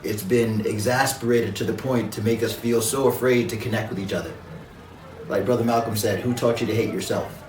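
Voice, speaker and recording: A man from Jamaica, a guest in an interview, speaking in a measured, reflective way with frequent pauses and fillers. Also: on the low side, steady tone, reverberant, far from the mic, background noise. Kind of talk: conversational interview.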